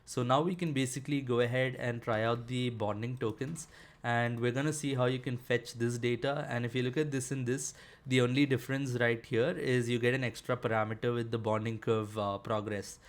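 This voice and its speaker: A developer presents a screen-share coding tutorial, casually walking through a demo. He explains with lots of fillers like "uh" and "basically," speaking fairly quickly in a medium pitch with fairly even intonation.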